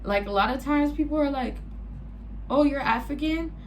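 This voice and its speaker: A young woman, a native French speaker born in Gabon to Congolese parents, chatting casually through a get-ready-with-me Q&A vlog with animated asides. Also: sits high, moderate pace, a little hiss or hum, rough recording. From born in Gabon to Congolese parents, raised partly in the US. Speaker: vlogger.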